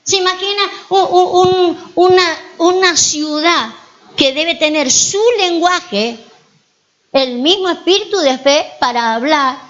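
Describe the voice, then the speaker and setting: A woman's voice: very high voice, slow pace, fairly bright tone, lo-fi sound. A woman pastor preaching a sermon, repeating her points and asking the congregation rhetorical questions.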